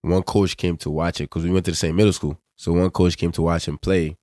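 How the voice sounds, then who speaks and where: Young man, West African accent, very deep voice, relaxed slangy talk, dry sound. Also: fast talker, no echo. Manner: laid-back, slangy, says "bro" and "you know what I'm saying" constantly. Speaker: pro soccer player, guest. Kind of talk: casual podcast chat.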